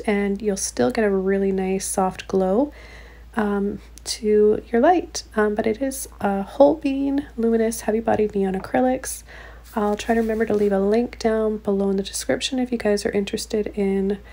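A woman narrating a painting tutorial in a gentle, encouraging way, with frequent ums and uhs. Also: a little high. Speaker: painting instructor. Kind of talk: relaxed step-by-step tutorial narration.

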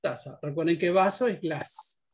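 A man's voice: fairly high pitch, unhurried, background noise. A man teaching an English class, patiently explaining pronunciation rules step by step. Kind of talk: online class instruction.

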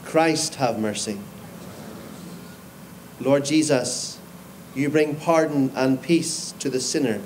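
A middle-aged man leads a liturgical prayer gravely and very slowly. His voice is medium in pitch, with faint open-air sound behind it. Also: darkish tone, poor audio. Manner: grave, measured reading. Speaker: minister leading prayer. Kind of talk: formal liturgical confession. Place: outdoor memorial ceremony. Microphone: stand microphones. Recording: faint outdoor ambient noise.

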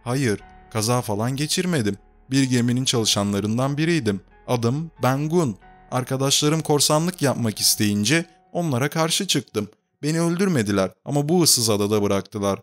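A man reading the part of a marooned male castaway, talking in a soft, friendly way with faint music behind. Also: medium pitch, expressive, normal speed, hardly any pauses, lightly acted. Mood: earnest.

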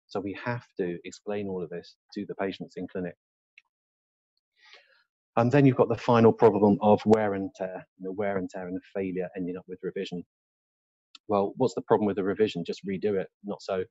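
A middle-aged man with a lowish voice delivers a live lecture as an orthopaedic surgeon. He talks emphatically and bluntly, throwing in rhetorical questions and dry humour. The sound is dry and slightly muffled. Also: darkish tone, no room sound. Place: hospital lecture room with a live audience.

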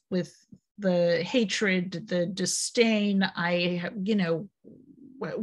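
An older woman, an author and former journalist, speaking on a video call from a home office in a slow, thoughtful way with many pauses. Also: mid-range voice. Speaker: author and panel guest. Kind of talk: panel discussion on a video call. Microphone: video call webcam.

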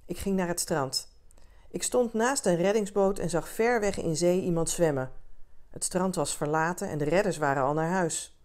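Een vrouw die een verhaal voor volwassenen rustig en zacht voorleest als bedverhaal. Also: female voice, on the low side. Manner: gentle, unhurried storytelling. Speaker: reader of stories for adults. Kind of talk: calm bedtime reading.

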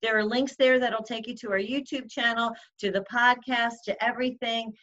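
Bubbly co-host woman, higher voice. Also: fairly even intonation, moderate pace, a bit bright. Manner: bubbly, effusive, laughs often. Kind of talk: casual chat. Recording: slightly dull lo-fi sound.

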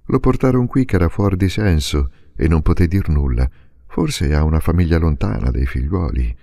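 A man's voice: rumbling low, animated, moderate pace, gravelly, dark tone, exaggerated voice. A man voicing a hospital assistant who explains plainly, in an audiobook reading.

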